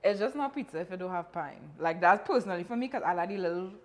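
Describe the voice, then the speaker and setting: A woman's voice: fairly low pitch, lively intonation, fast. A woman in her thirties with a Trinidadian accent, chatting casually and expressively as she co-hosts a cooking video. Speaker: cooking show co-host. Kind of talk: casual kitchen chat. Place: home kitchen, indoors. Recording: faint room noise in background.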